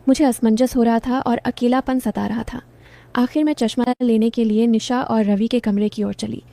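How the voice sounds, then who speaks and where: A woman narrating a romantic family story in the first person, calm and even. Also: on the high side, moderate pace, gravelly, no room sound.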